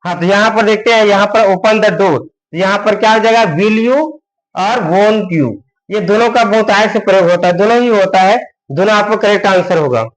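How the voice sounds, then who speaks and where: High-voiced Hindi-speaking grammar teacher. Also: male voice, normal speed, low-quality recording. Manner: repeats "है ना" and asks questions he answers himself. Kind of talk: Hindi-medium grammar lesson.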